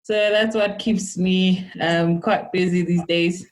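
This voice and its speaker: A woman's voice: lowish voice, steady tone, slow pace, poor audio. A woman from South Africa, a quantity surveyor, chatting candidly and reflectively as a guest. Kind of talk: casual chat.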